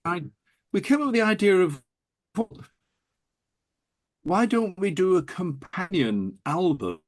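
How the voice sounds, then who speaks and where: An audiophile recording producer is the interview guest here, a man telling anecdotes with real enthusiasm in animated conversation. His voice sits high, his intonation is lively, and his pace is slow.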